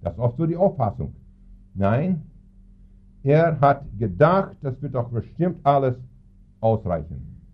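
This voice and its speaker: A man's voice: medium pitch, unhurried, pauses often. Man preaching over a tinny line. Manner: storytelling, lively intonation with sudden emphatic rises. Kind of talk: sermon. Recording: tinny phone-like sound.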